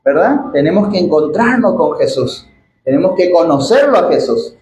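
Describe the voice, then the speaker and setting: A man from Argentina preaching a sermon with an Argentine accent, reading scripture slowly and asking many rhetorical questions. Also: sits high, very animated, a little mellow. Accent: Argentine Spanish. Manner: reads scripture slowly and stretches out the quoted words. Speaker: pastor. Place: church hall. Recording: echoey church hall, faint background noise.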